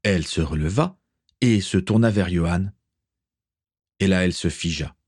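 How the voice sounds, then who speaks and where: A man narrating an adventure story in a steady, even reading voice. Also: deep voice, moderate pace, husky, dry recording. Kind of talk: audiobook reading.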